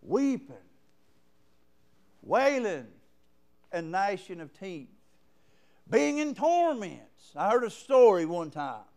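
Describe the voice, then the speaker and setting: A man preaching a sermon in a church, punctuating his points with calls of "amen" and rising to loud emphasis. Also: sits high, big pitch swings, takes it slowly, long pauses. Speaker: guest preacher. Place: church sanctuary.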